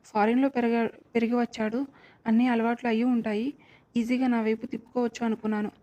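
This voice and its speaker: Lady reading as a scheming young woman, calculating and whiny, highish and flat. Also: quick pace, lightly acted.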